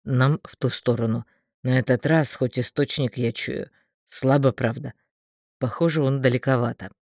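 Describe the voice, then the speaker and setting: A man voicing a stern, grumpy male mage in an audiobook, speaking gruffly and curtly. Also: mid-range voice, fairly even intonation, moderate pace, a little mellow, no room sound, studio quality. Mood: gloomy. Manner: gruff, curt.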